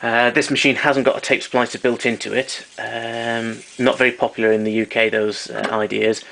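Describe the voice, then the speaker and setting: Medium in pitch with little variation, this tape recorder repairer's voice carries vocal fry and a bit of brightness at a moderate pace. He gives a casual, matter-of-fact demonstration with some hesitation, recorded noisily with clicks.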